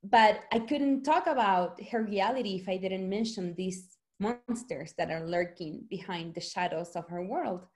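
A woman in her forties from Rosario, Argentina, speaks with an Argentine accent in a conversational video-call interview, talking earnestly and reflectively about home. She's an author with a medium-pitched voice, a measured pace, and few pauses, though she speeds up when excited. She's in a small room at home.

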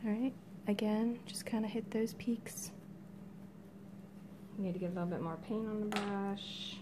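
A middle-aged woman giving relaxed, murmured step-by-step instructions in a hands-on craft tutorial at home. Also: medium pitch, moderate pace, background noise. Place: cluttered home craft room, indoors.

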